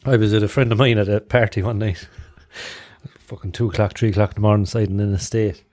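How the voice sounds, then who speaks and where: A man's voice: on the low side, fairly even intonation, fairly quick, darkish tone. A man with a Cork Irish accent hosting a podcast, telling casual anecdotes in colloquial, sweary language. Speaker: podcast host.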